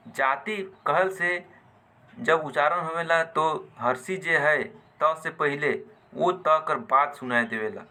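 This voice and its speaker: A man teaching a grammar lesson, deliberately repeating example words in pairs. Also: fairly high pitch, sharp tone.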